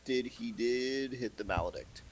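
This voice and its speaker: A man giving measured, analytical co-commentary on a live video game match. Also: mid-range voice. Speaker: esports co-commentator.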